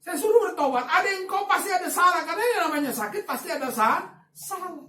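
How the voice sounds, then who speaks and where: A man's voice: very high voice, fast talker, a little hiss or hum. Echoey, distant male preacher. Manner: animated storytelling, swings between soft asides and loud emphatic bursts. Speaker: pastor. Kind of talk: sermon. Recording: echoey room, voice from a distance, faint ambience.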